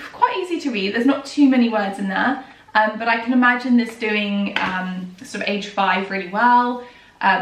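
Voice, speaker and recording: Still hoarse after an illness took her voice, a woman in her thirties who reviews books and vlogs chats casually and eagerly about children's books, full of ums and quiet laughter. Her voice is mid-range, picked up distantly in a roomy space with faint noise.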